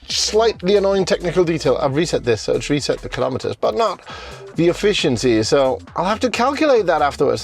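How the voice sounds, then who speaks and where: A man's voice: a little high, vocal fry. Guy doing a car review vlog while driving, bouncy up and down voice. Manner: chatty, talking while driving. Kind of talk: casual vlog commentary. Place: inside a car.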